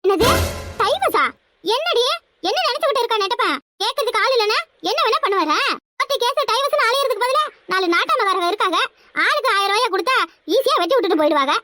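A shrill cartoon busybody of a big sister, acted by a woman, scolding and fussing. Her voice sits extremely high and comes out sharp and bright. It is recorded dry and close, with no room around it. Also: expressive, quick pace, no room sound, exaggerated voice. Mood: indignant. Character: scolding, nosy village elder sister, grown woman. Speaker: cartoon character. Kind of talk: cartoon voice acting.

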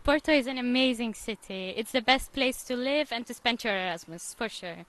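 A woman's voice: fairly high pitch, normal speed, a bit bright, low-quality recording. A young woman from Belgium, answering interview questions in an upbeat way.

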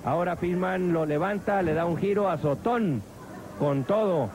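A man's voice: high voice, moderate pace, darkish tone, a little hiss or hum. A man with a Mexican accent giving live play-by-play as a wrestling commentator.

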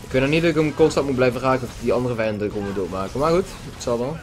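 A man's voice: medium pitch, racing, over music. A man giving casual let's play commentary, chatty and jokey, teasing the game's characters. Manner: jokey, chatty, mocking the game. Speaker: gaming YouTuber.

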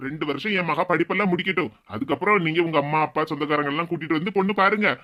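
A woman voicing a jovial village father in an animated cartoon, speaking with a Kanyakumari Tamil accent in a teasing, laughing manner. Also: low voice, rapid-fire. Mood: reassuring.

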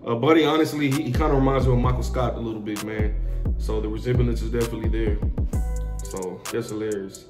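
A man's voice: mid-range voice, fairly even intonation, quick pace, roomy sound, over music. A man hosting a reaction video, talking casually and saying "man" often. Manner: laid-back, says "man" a lot. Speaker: reaction channel host.

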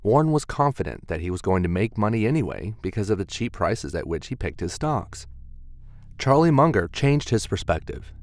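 A man giving measured, scripted documentary narration. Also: on the low side, very animated, dry recording. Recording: narration over clear background music.

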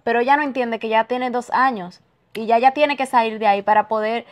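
A woman's voice: fairly high pitch, a little fast, lightly acted. A woman playing a worried, pleading wife. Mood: explaining. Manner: pleading, calming. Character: worried wife, house owner. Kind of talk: amateur drama acting.

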